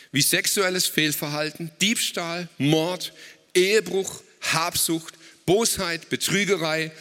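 A man preaching a sermon at a church service, slow and emphatic, setting out words one by one. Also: on the high side, bright, forceful tone, big-room sound.

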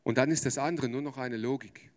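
A man's voice: mid-range voice, steady tone, a little fast. A man preaching a sermon as pastor, speaking directly and emphatically to his listeners and acting out short quoted asides.

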